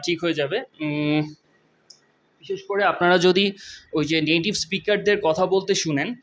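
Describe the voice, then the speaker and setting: Young bangladeshi guy teaching ielts stuff, kinda high voice, laid back, reads the english bits slow. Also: a little hiss or hum. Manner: relaxed explaining, reads English slowly. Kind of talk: casual video lesson.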